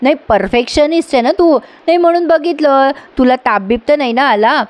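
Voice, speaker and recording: A woman voicing a sharp-tongued young wife who teases and needles her husband. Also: sits high, a little fast, close to an everyday voice. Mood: teasing. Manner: mocking, needling.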